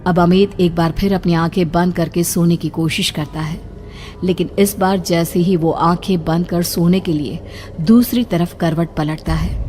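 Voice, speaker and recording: A woman narrating a children's cartoon story in a calm storytelling manner. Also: on the low side, slight background noise.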